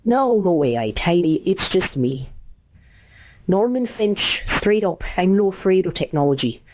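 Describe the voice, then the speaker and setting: An older man with a hoarse voice, chatting folksily on a phone call and calling people laddie. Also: sits high, very animated, moderate pace. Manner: folksy, calls everyone laddie. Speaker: caller. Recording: tinny phone line, faint noise.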